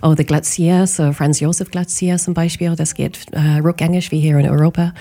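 New Zealand woman, husky low voice. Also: level tone, warm tone. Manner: slightly halting German with small slips. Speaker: radio guest. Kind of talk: casual chat.

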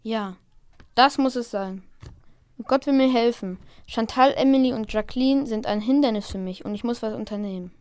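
Woman playing a hurt schoolboy, high clear voice. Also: moderate pace, darkish tone, close to an everyday voice. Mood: dark, troubled. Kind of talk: amateur scripted audio drama.

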